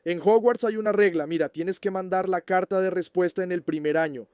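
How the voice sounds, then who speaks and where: Chatty man with a mellow, fairly high voice. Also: fairly even intonation, a little fast, clear, resonant tone, no echo, clean studio sound. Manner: chatty, keeps checking in with the listener. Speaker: host answering viewer questions. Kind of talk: casual explanatory chat.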